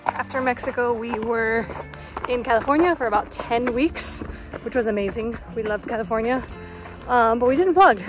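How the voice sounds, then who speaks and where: A woman's voice: fairly high pitch, normal speed, music in the background. A woman in her twenties chatting casually while vlogging on a mountain trail, filmed on a phone held at arm's length. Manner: chatty, laughs often. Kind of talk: casual hiking vlog.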